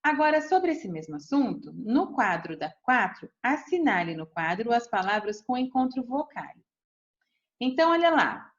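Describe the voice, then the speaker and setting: A woman teacher, patiently explaining a grammar lesson step by step to children and often checking in with "tá bom?". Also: mid-range voice. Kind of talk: recorded remote lesson. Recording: dull lo-fi recording.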